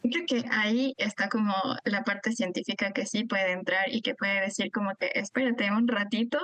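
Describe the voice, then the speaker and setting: A woman's voice: medium pitch, fairly even intonation, normal speed, a bit bright, no room sound, low-quality recording. A woman hosting a podcast, friendly and encouraging, laughing along with her guests. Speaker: podcast host. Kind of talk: casual podcast chat.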